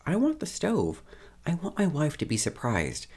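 A man's voice: a little high, wildly swooping pitch, normal speed, a little mellow, breathy edge, voice pushed up, exaggerated voice. A man doing a stubborn, earnest frontier father. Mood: insistent. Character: determined homesteader father.

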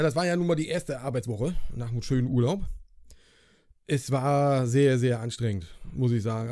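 A man co-hosting a casual podcast, chatting in a relaxed, colloquial way and often repeating words. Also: medium pitch, dry recording, studio quality. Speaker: podcast co-host, service technician. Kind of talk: casual chat.

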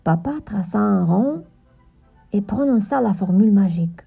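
A woman narrating a children's Christmas story in a gentle storytelling manner. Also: mid-range voice, expressive, normal speed, creaky, slightly rough, faint music behind.

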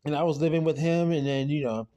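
A man's voice: a little high, fast. Rambling man casually recapping a TV episode. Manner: rambling, heavy fillers like "I mean" and "though"; speaks openly about his own late father, quiet and subdued. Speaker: podcast host recapping a TV episode.

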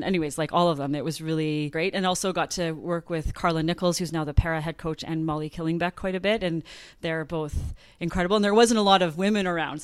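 A woman's voice: low-pitched, dry recording. A woman in her thirties from Canada, talking animatedly as an interview guest with frequent laughs and fillers. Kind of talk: conversational interview.

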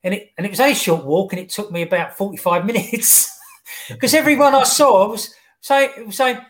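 A man's voice: high-pitched, normal speed, fairly bright tone. A man from England chatting casually on a podcast, a jokey storyteller who laughs often and restarts his sentences.

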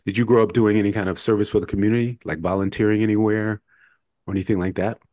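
A man's voice: lowish voice, fairly even intonation, fast talker, a little mellow, no echo. A man hosting a casual interview, asking questions and responding conversationally. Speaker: interviewer, podcast host.

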